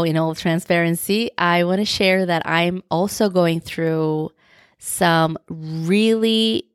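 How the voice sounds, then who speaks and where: This young woman from Turkey has a lowish, creaky voice, captured in clean studio sound without echo. She hosts her own podcast as a solo monologue, sounding reflective and candidly personal, with a Turkish accent.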